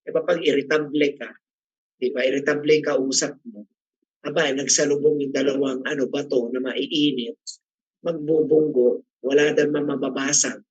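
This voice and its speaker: A man's voice: medium pitch, steady tone, normal speed, breathy edge, dry recording, highs cut off. A middle-aged man leading a casual class discussion, chatty and teasing, often asking the group questions. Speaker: class facilitator.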